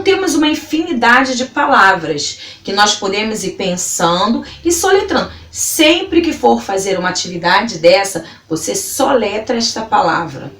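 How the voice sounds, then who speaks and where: A woman teaching a grammar lesson to a class, slowly spelling words out syllable by syllable. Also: on the high side, fairly bright tone. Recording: echoey room, voice from a distance.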